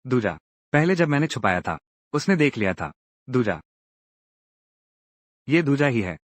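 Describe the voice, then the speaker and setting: Male recap narrator, mid-pitched and very lively, dry close sound, acts out all the parts. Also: a little slow, no room sound. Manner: lively, acts out each character's lines in turn. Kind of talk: dramatic Hindi recap narration voicing every character.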